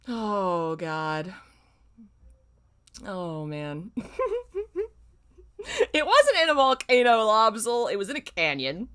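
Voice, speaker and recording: A woman hosts a casual livestream where she reads her own old fan fiction aloud, reacting in a self-deprecating, dramatically exasperated way. Her mid-range voice is bright, smooth, sing-song and forceful, and she speaks slowly with frequent pauses.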